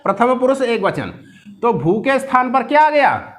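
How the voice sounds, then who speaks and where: A man's voice: very high-pitched, big pitch swings, moderate pace, fairly bright tone, a little hiss or hum. A man teaching a Sanskrit grammar lesson, quizzing his students with repeated questions and chanting the rules. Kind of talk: classroom lesson, question and answer.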